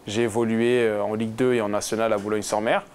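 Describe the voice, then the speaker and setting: A man's voice: lowish voice, flat delivery, quick pace, a little hiss or hum. A man in his twenties, a football player, answering interview questions casually and hesitantly, with many fillers and restarts. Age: 20s. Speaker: footballer guest.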